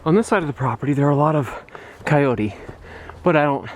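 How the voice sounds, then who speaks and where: A man's voice: on the high side, animated, brisk, slight background noise. A man vlogging on a hike, out of breath and sweating, talking to the camera as he climbs a hillside trail. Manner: panting and out of breath while climbing. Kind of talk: hiking vlog narration.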